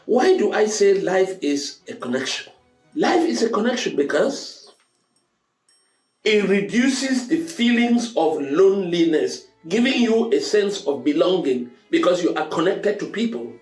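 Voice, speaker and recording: Preaching motivation to his audience, a talk show host speaks emphatically and repeats phrases to drive his points in. He has a high, sing-song, slightly mellow voice that runs a little slow. The sound is roomy and echoing, with music underneath.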